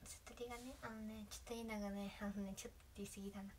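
A young woman chatting casually on a livestream, rambling and often trailing off into soft asides. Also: medium pitch, level tone, rapid-fire, slight background noise. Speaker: idol trainee livestreaming.

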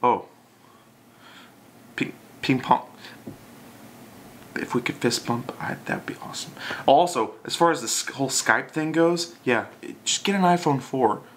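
A man's voice: medium pitch, animated, a little slow, long pauses, a little hiss or hum. A young man in casual, drunken, loosely rambling chat to a camera, as in a video message to a friend. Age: young adult. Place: small bedroom, indoors.

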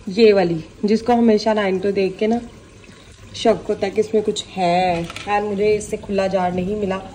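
A hoarse woman with a sore throat, chatting casually through a cooking vlog in her home kitchen, filming on a handheld phone. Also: medium pitch, noisy background. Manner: chatty, often adds a polite "okay ji". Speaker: vlogger.

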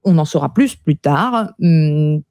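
A woman's voice: low-pitched, lively intonation, takes it slowly, mellow, no room sound, clean studio sound. A woman co-hosting a casual podcast chat about board game news, talking freely with many hesitant fillers. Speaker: podcast co-host.

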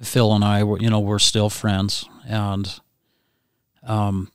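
Middle-aged host, slow and careful, dry close sound. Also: male voice, on the low side, monotone, clean tone, no echo. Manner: slow and measured. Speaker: podcast host, hypnotist. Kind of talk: gentle interview talk. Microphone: podcast mic.

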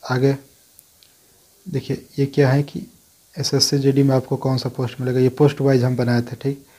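Speaking at normal speed in a monotone with a darkish, medium-pitched voice, a man hosts a casual Q&A on viewer comments. His manner is conversational, peppered with repeated "dekhiye" and "dosto."

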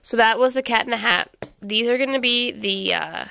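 Her fairly high voice is gravelly, bright, and forceful at a normal pace, recorded with a little hiss or hum. She's a homeschool channel host in her thirties, stuffed up from a cold, casually reviewing a stack of children's books in a small indoor schoolroom with lots of ums and restarts.

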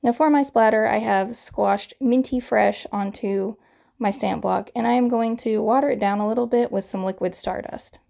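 A woman's voice: a little high, fairly even intonation, normal speed, creaky, warm tone. A woman in her thirties with a crackly morning voice, chattily narrating a card-making tutorial voiceover and explaining each step.

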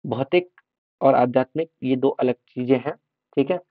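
Guy running a quick exam revision class, keeps repeating "ठीक है", tinny dry sound. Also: medium pitch, no echo. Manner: brisk, repeats "ठीक है" and drills correct spellings. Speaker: teacher.

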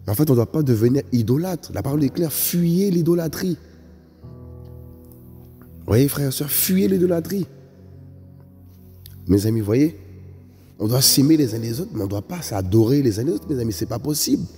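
A man's voice: medium pitch, animated, quick pace, warm tone. Emphatic man preaching in a reverberant hall. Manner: emphatic, repeats "vous voyez, frères et sœurs". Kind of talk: sermon. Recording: long reverb with faint music.

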